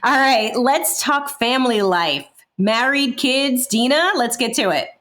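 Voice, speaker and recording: A woman's voice: high-pitched, measured pace, fairly bright tone. An American woman in her thirties from Brooklyn, hosting a podcast in a chatty, upbeat style. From Brooklyn, New York. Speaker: podcast host, public health scientist.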